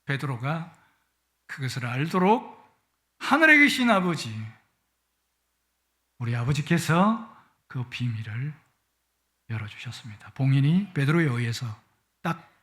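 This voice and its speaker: A man's voice: mid-range voice, very animated, unhurried, long pauses, a bit bright. A middle-aged man preaching a Sunday sermon in a church, with a playful manner that swells with emotion. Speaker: guest pastor. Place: church sanctuary.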